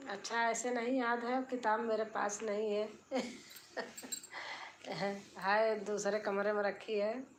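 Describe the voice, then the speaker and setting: A middle-aged woman with an Awadhi accent, live-streaming from a room at home, singing folk songs and chatting softly with viewers between songs. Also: medium pitch, level tone, slow, long pauses, a little hiss or hum.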